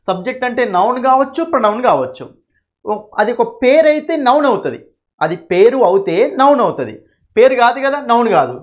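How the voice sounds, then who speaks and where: A young man with a Telugu accent teaching English grammar for an exam, repeating key terms and checking in with "okay?" after each point. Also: sits high. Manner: addresses students fondly as "nanna". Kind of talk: exam-prep lesson.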